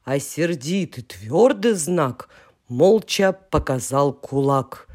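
A woman reciting a children's poem in an expressive, playful storytelling manner. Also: sits low, slow pace. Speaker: reader.

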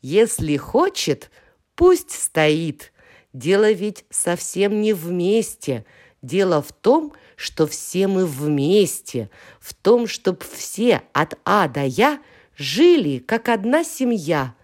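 A woman's voice: lowish voice, sing-song, slow pace, darkish tone. Woman doing the alphabet's scolding chorus. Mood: reasoning. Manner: scolding, reasonable, lecturing. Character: the whole alphabet, a sensible scolding chorus of letters.

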